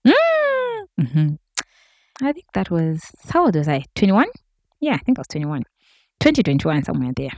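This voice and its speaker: A woman tells a story in a casual, chatty way. She talks straight to her viewers. Her voice sits low, and the recording is close and dry. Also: moderate pace, pauses often, dry recording. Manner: chatty, addresses viewers directly, animated. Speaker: vlogger.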